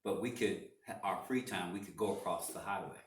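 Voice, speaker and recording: During a casual interview in a church room, a parishioner in his sixties tells rambling stories full of restarts and fillers. His voice sits low and moves fairly quickly, recorded far from the mic in an echoey room.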